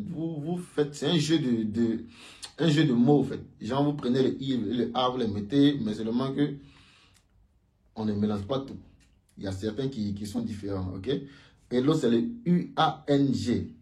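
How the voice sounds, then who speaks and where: A man teaching a pronunciation lesson, patiently explaining and loudly repeating each sound for students to copy. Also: mid-range voice. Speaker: language teacher.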